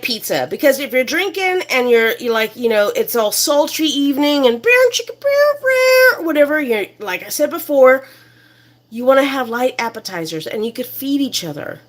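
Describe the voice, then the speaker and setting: A woman hosting a casual cooking demonstration in her home kitchen, chatty and rambling with many fillers. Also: fairly high pitch. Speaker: cooking show host.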